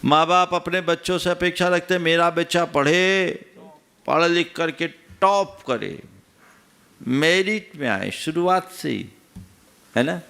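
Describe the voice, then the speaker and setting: Slow, gravelly male monk preaching. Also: on the high side, bright, forceful tone. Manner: asks the audience rhetorical questions; tells everyday anecdotes to teach. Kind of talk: sermon.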